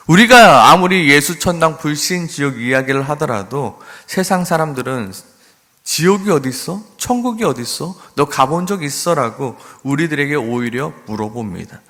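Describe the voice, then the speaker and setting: A man's voice: medium pitch, fairly bright tone. Earnest preaching pastor, man, long reverb. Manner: earnest preaching, acts out mocking voices. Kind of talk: sermon.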